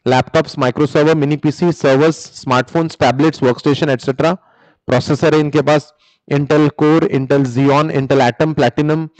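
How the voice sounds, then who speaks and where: A young man with an Indian accent teaching a business lecture, reading facts slowly in English, then explaining fast in Hindi with questions to the students. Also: mid-range voice, a little mellow, no echo, low-quality recording.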